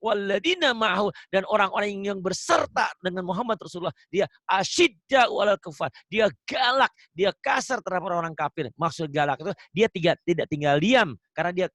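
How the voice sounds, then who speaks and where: A man teaching the Quran online chants verses slowly and melodically. He explains them in an animated, emphatic way, with his voice rising sharply on key points. His voice sits high for a man, and the sound is dry and close to the mic. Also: no room sound. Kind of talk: Quran recitation and religious teaching. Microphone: video call.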